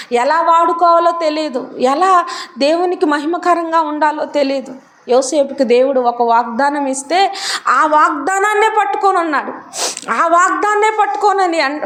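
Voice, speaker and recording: High-pitched woman preacher; personal sermon style, climbing into emphatic, repeated declarations. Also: fairly bright tone.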